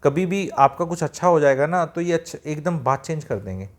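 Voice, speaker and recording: A man's voice: a little high, animated, a little fast. Male self-help speaker, direct and plain-spoken, talking to camera like to friends. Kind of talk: advice talk to viewers.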